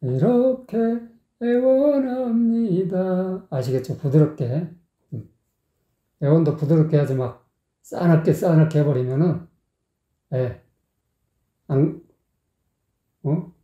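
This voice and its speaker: A singing teacher gives a vocal lesson, singing short phrases slowly and then explaining them in quick, plain speech, often checking that the learner follows. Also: medium pitch, warm tone. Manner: often checks with the learner by asking "you get it?". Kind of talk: vocal lesson with sung demonstrations. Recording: echoey, tinny phone-like sound.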